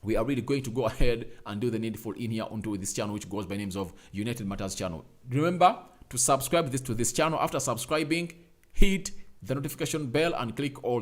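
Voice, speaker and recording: This is a fan channel host, an emphatic young man with a mid-range voice, chatting casually on a live stream. He works through viewer names and comments, repeats phrases, and asks for likes, building up to loud calls at times.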